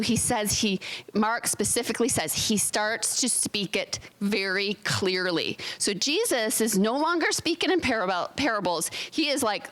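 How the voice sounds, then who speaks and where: A woman's voice: medium pitch, a bit bright, poor audio. A woman teaching a Bible study in a casual, chatty way, full of fillers and self-corrections, reading scripture aloud between her remarks. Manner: reads scripture passages aloud.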